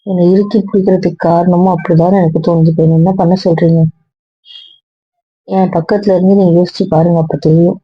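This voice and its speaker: A woman's voice: lowish voice, level tone, fairly quick, breathy edge, no room sound, lo-fi sound. A young woman playing a hurt young girlfriend who questions and reproaches, in a web drama.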